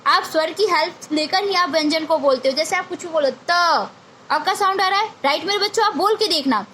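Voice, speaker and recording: A woman's voice: very high-pitched, fast talker, pushed and bright, a little hiss or hum. A woman teaching a grammar lesson to young children, repeating each point and asking questions she answers herself, mixing in English words.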